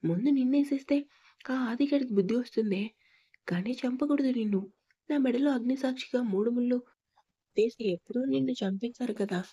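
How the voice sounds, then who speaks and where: A woman voicing a possessive, domineering young husband in a storybook reading, stern and threatening, with a husky tone. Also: on the high side, a little fast, mellow, muffled recording. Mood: menacing.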